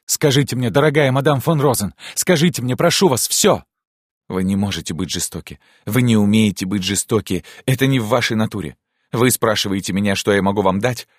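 A man's voice: fairly low pitch, a little fast, no room sound, studio quality, voice pushed up, close to an everyday voice. A man reading an audiobook, voicing a lovesick young prince who pleads with emotion. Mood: pleading.

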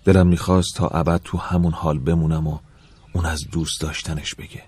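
Very deep husky male audiobook narrator. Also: level tone. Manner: soft, reflective, wistful telling. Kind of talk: first-person storytelling narration.

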